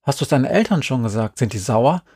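A man's voice: mid-range voice, expressive, brisk, a little mellow, slightly rough, no room sound, clean studio sound. A man voicing a curious young boy who keeps asking questions. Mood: prying. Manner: questioning insistently.

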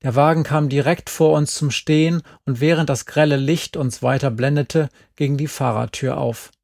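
A man reading a first-person story aloud, calm and measured. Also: fairly high pitch, creaky, no room sound, studio quality. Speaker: audiobook reader. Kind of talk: scripted first-person narration.

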